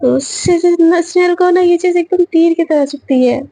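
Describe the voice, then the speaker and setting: A woman's voice: very high voice, normal speed, mellow. A woman narrating a romance story episode in a chatty retelling manner.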